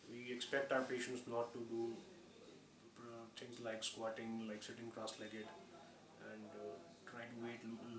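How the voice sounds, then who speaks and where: Echoey distant recording, man, Indian accent, formal medical explainer, hesitant phrasing. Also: medium pitch. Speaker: orthopedic surgeon. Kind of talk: explanatory medical talk to camera. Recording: echoey room, distant mic, clear noise.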